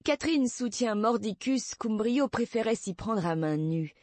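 Woman doing a curt, worn-out female cop, pitched higher than the narration; dry sound. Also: expressive, measured pace, darkish tone, no echo. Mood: thoughtful. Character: brusque, exhausted female police detective.

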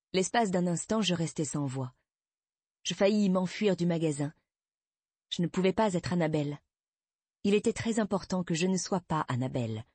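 A woman narrating a literary audiobook in first person, measured and intimate. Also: fairly low pitch, a little mellow, no room sound.

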